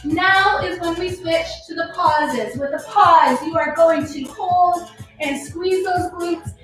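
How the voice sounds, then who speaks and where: A woman with a very high voice instructs like an aerobics coach, counting reps and urging people on with energy. She sounds far from the mic in a very echoey room, with music playing behind her. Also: takes it slowly, a bit bright. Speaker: fitness instructor. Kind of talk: aerobics instructor leading a follow-along workout with counted reps. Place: indoor home workout space.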